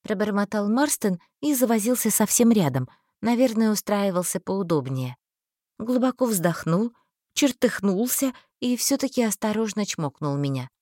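A woman narrating a first-person audiobook with an expressive, wry storytelling manner. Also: mid-range voice, moderate pace, dry recording, studio quality.

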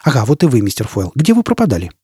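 A man's voice: medium pitch, wildly swooping pitch, fast, warm tone, husky, no room sound, clean studio sound, heavily acted. A man voicing a lonely, anxious young woman teacher who talks in a fretful, pleading way.

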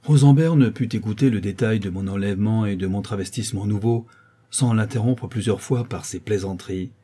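A man narrating a classic novel aloud, measured and expressive. His voice sits low and dark, with a slightly husky grain. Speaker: audiobook reader.

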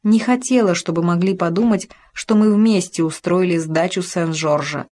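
A woman's voice: on the low side, steady tone, normal speed, warm tone, close to an everyday voice. A woman voicing a proud young noblewoman in an audiobook, reading her lines in an earnest, reproachful manner.

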